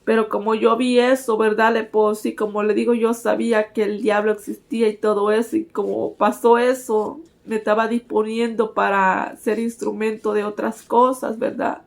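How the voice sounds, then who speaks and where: A woman's voice: a little high, flat delivery, normal speed, vocal fry, hardly any pauses. A woman giving a personal religious testimony, earnestly speaking to her listeners as brothers and sisters.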